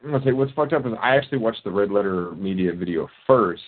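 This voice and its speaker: Man, deep voice, laid-back chimer-in, lo-fi line. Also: expressive, quick pace. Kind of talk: casual podcast chat. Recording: tinny phone-like lo-fi sound.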